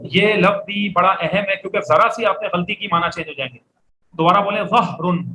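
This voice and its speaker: Speaking fairly quickly in a sharp, high-pitched voice, a man leads a classroom lecture on Arabic vocabulary. He drills the words and has students say them back. Faint background noise mixes with the room's echo.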